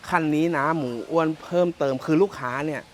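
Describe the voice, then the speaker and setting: Chatty Thai car salesman, a bit high. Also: quick pace, a little hiss or hum. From Thailand. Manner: chatty and joking, repeats phrases. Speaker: car salesman presenting a pickup. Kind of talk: casual walkaround car presentation.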